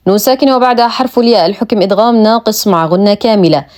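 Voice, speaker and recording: A woman teaching Quran recitation rules, explaining each rule and then reciting words slowly and precisely. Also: mid-range voice, darkish tone. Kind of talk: tajweed lesson, explaining rules between slow recited words.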